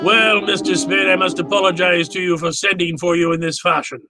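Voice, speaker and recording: A man's voice: high voice, level tone, brisk, over music, close to an everyday voice. A man playing a courtly, genial crime boss in a radio drama, telling his tale in a florid, grandly polite manner. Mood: courtly, eager.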